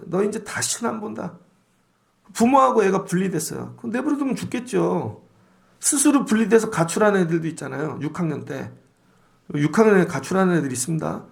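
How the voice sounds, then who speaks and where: A middle-aged man preaching an early-morning sermon in a chatty, direct way, quoting people in little mimicked voices. His voice sits high for a man and carries a rough, gravelly edge. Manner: conversational preaching, mimics voices in quoted asides. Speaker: pastor.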